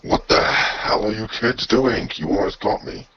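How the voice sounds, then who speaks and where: A man voicing an evil, imperious space emperor villain in a radio play, with a very deep, rasping voice and slow menace. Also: lo-fi sound. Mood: indignant.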